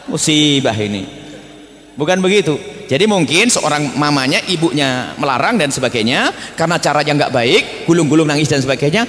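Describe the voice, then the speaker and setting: Lively preacher in an echoing hall. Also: male voice, fairly high pitch, a little hiss or hum. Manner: emphatic, blunt scolding mixed with tender asides. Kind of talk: religious study sermon to a congregation.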